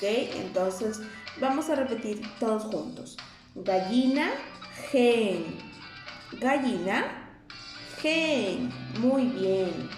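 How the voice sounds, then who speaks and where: A young woman teaches small children in a slow, patient sing-song, speaking. Her voice sits fairly high, and the home recording sounds roomy. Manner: repeats each word slowly and asks the children to say it back; warm and encouraging. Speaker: preschool English teacher.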